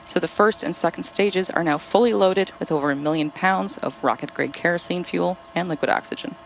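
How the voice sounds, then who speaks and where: A woman's voice: fairly low pitch, a little fast, gravelly, a little hiss or hum, poor audio. A woman hosting a live launch webcast, explaining technical steps in running commentary.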